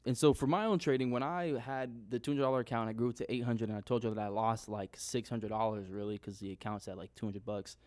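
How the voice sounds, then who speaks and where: A man's voice: medium pitch, steady tone, fast talker, few pauses, darkish tone, no room sound. Young man rambling about trading. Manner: rambling, self-questioning, restarts often. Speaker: trading vlogger. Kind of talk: unscripted casual monologue. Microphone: own microphone.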